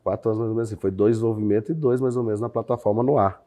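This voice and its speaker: A man's voice: lowish voice, fairly even intonation, racing, mellow. A man with a Brazilian accent, a company founder chatting as a guest in a casual interview, telling his story with frequent laughs. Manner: chatty, laughs often, acts out quotes.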